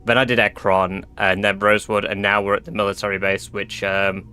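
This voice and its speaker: Man with soft R's that sound like W's. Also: on the low side, little pitch movement, fairly quick, smooth, soft background music. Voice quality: cannot pronounce R's, says w for r. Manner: informal, sweary. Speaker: game livestreamer. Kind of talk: casual livestream chat with game commentary.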